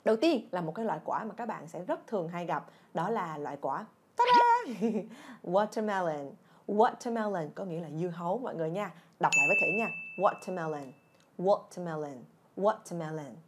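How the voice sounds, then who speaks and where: A young woman teaching fruit names in a lively video lesson, drilling words by repetition and revealing each with a playful cry. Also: lowish voice, fast talker, hardly any pauses, background noise. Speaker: English teacher, channel founder.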